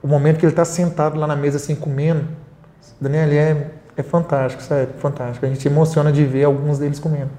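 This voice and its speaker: A man's voice: a little high, level tone, fast, dark tone. A Brazilian man who founded a charity for homeless people, earnestly telling stories in an interview and acting out the dialogue. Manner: earnest, retells scenes with quoted dialogue. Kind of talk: interview storytelling. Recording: roomy echo.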